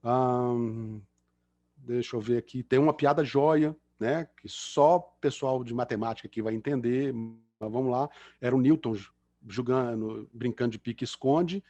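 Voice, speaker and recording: A middle-aged man from Belo Horizonte, speaking Brazilian Portuguese with a Mineiro accent, chats and jokes at his own expense as a guest engineer wrapping up an online lecture on a video call. His medium-pitched voice is mellow and measured, full of fillers. The recording is dry and sounds dull.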